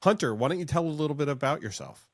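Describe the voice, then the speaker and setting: A man hosting a podcast in casual, joking chat with quick asides. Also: fairly high pitch, lively intonation, no room sound, studio quality. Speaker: podcast host.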